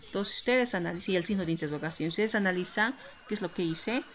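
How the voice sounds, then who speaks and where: A woman's voice: lowish voice, quick pace. A woman teaching English grammar in a recorded lesson, explaining patiently step by step and checking in with her students. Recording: slightly muffled lo-fi recording with faint hiss.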